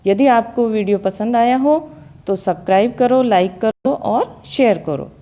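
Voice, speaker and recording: Slow, deliberate Hindi grammar teacher woman. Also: fairly high pitch, mellow. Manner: slow, deliberate, repeats example words to demonstrate sounds. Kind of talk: classroom lesson on pronunciation.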